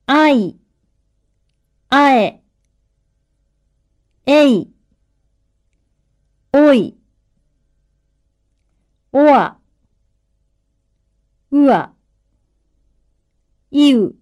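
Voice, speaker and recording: High-voiced woman slowly enunciating drills. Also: lively intonation, darkish tone. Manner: clear, careful enunciation of single syllables and words. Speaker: pronunciation model speaker. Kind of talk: slow pronunciation drill.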